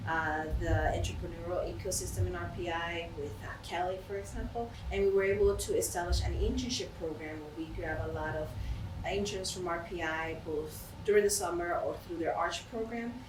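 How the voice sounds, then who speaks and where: A woman's voice: lowish voice, a little fast. A woman from Puerto Rico, a company CEO, explaining her business in an earnest, businesslike way in an interview. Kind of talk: recorded interview. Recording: echoey room, distant mic, background noise.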